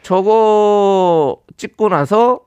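A man's voice: sits high, extremely slow, a little mellow, clean tone, no echo. A man guesting on a radio show as a singer, polite and self-deprecating, often repeating that's right. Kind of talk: casual radio chat.

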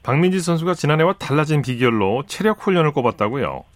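Male sports radio presenter, mid-pitched with animated intonation, close dry studio sound. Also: fast talker, dry recording. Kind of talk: broadcast interview hosting with short acknowledgements.

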